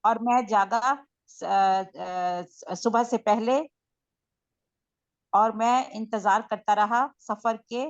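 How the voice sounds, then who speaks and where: A woman's voice: mid-range voice, fairly even intonation, extremely slow, no echo. Hesitant woman student, muffled dry sound. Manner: hesitant, stumbling, restarting words. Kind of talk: reading aloud and translating in class.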